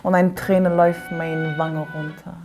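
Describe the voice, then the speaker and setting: A woman's voice: on the low side, little pitch movement, unhurried, darkish tone, soft background music. A young woman hosting a comedy video, telling stories to the camera in a playful, exaggerated way. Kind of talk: comic storytelling to camera.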